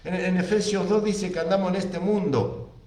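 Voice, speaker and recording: A man's voice: high-pitched, steady tone, normal speed, a little mellow, reverberant. A man with an Argentine accent preaching a sermon, reading scripture aloud and repeating key phrases for emphasis. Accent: Argentine Spanish.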